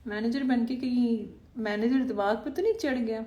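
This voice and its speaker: A woman from Lahore hosting a casual live stream as a business team manager, expressive and playfully scolding, slipping into English. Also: fairly high pitch, moderate pace, roomy sound, highs cut off. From Pakistan, Lahore. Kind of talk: casual live-stream talk, reading comments.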